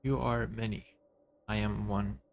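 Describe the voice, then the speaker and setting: A man voicing a vast, childlike alien visitor from a video game, solemn and gently wondering, in short halting phrases. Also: fairly low pitch, little pitch movement, vocal fry. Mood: solemn, dawning remorse. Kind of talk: video game dialogue read aloud.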